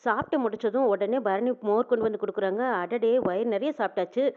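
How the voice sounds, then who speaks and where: A woman's voice: mid-range voice, quick pace, narrow, tinny audio. A woman narrating a recap of a TV serial episode, quoting each character in turn. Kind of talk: fast scripted recap narration.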